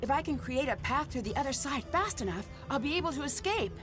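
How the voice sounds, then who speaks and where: A plucky young detective speaks in a high, earnest voice. Her video game lines sound determined, and music plays clearly behind her. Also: expressive, fast talker.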